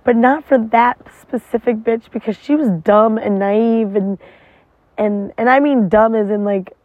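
A woman's voice: a little high, measured pace, no room sound. A woman talking in a casual, rambling, emotional confessional monologue with frequent swearing, recorded inside a parked car. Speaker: vlogger. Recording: tinny phone-like sound.

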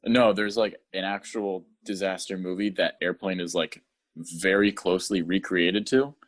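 Young man, podcast co-host, low voice, giggly and animated. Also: normal speed. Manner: laughing, animated retellings of scenes. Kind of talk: casual chat. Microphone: audio-only podcast mic.

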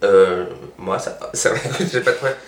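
A man's voice: low voice, unhurried. A middle-aged man, a stand-up comedian, chatting casually as a guest and telling stories in a rambling way with many restarts. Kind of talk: casual chat. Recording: echoey room.

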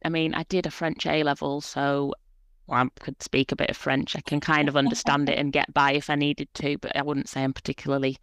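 A woman in her forties, a proofreader and editor, appears as a podcast guest discussing her work in a chatty, reflective way with many fillers and small laughs. Her low voice is flat, fairly quick, a bit bright and smooth, recorded clean with no room sound.

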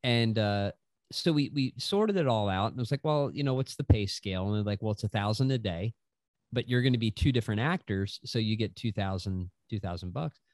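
A man's voice: fairly low pitch, expressive, brisk, no room sound, clean studio sound. A middle-aged man, a guest musician, chatting casually and telling stories with lots of fillers. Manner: laid-back storytelling, lots of "you know". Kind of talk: casual podcast chat.

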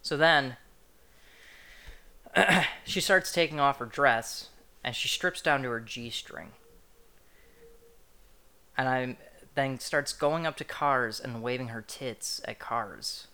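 A man's voice: medium pitch, slow, long pauses, sharp tone. A young man co-hosting a casual podcast, telling a rambling, profane story with many restarts. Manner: rambling, repeats himself, swears freely. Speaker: podcast co-host.

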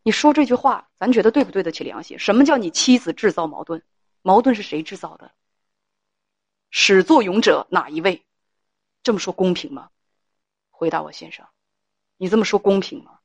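A woman's voice: medium pitch, lively intonation, normal speed, long pauses, slightly rough, no room sound. A woman advice host scolds her caller with one pointed question after another. Her voice sits mid-range and the recording is close and dry, with no room sound around her. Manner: scolding, emphatic, lecturing with rhetorical questions. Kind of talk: call-in advice talk.

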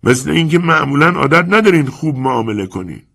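A man voicing a sickly old moneylender in an audiobook, speaking softly, slowly and with calm menace. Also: on the high side, creaky, voice pushed up, full character voice. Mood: calm, sly. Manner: soft, slow, calmly menacing. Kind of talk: audiobook character voice.

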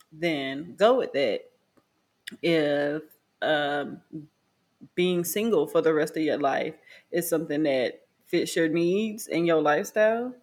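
A woman's voice: sits low, darkish tone. A young woman co-hosting a podcast, giving frank, laid-back relationship advice with lots of fillers. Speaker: podcast co-host. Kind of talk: casual podcast chat. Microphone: video call.

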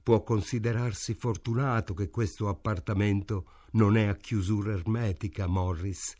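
A man reading aloud, voicing a calm, practical male neighbor in an audiobook with a level, matter-of-fact delivery. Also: lowish voice, moderate pace, no room sound, studio quality, natural voice.

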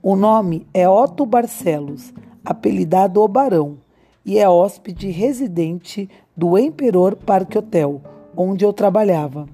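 A woman's voice: medium pitch, lively intonation, measured pace, dark tone, faint music behind. A woman reading the lines of a wary young man in an audiobook, telling his story in a tense, urgent way.

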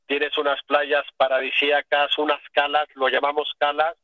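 A man from Catalonia comes through a muffled phone line that sounds dry and close, his voice a bit high. He talks in an expansive, enthusiastic way and piles on praise as he goes. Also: completely flat delivery, moderate pace, no echo. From Catalonia, Spain. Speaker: radio guest, finance professional. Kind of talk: casual radio chat.

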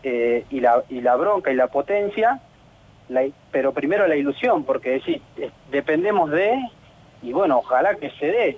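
A man with an Argentine Spanish accent, a professional footballer in a radio interview, talking in an earnest, frustrated way with many halting restarts. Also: medium pitch, animated, slight background noise. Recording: phone line on radio.

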